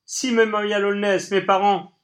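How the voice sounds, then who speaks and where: A man reading an audiobook, voicing a young boy hero who bursts out loudly in anguish. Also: mid-range voice, very animated, normal speed, close to an everyday voice. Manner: loud, anguished outbursts.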